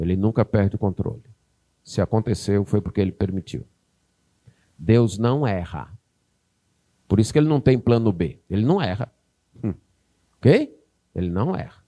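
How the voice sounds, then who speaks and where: A man's voice: medium pitch, warm tone. A man with a Northeastern Brazilian accent, a pastor preaching a sermon, who acts out a parent and child in a raised voice.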